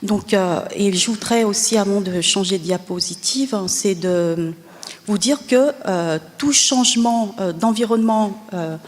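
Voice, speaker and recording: A woman from Vietnam gives a scientific conference presentation at a mid-range pitch, halting often on fillers as she patiently explains each point. Her voice carries a long reverb from the conference hall. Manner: hesitant, many pauses and fillers, patient explaining. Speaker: university lecturer presenting at a conference.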